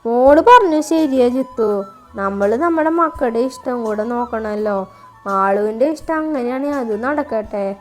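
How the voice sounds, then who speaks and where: A fussing older aunt who complains plaintively about her daughter, as a woman narrator plays her. Her voice stays fairly high. This is a storybook character voice. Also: lively intonation, moderate pace, soft background music, close to an everyday voice. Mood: relenting.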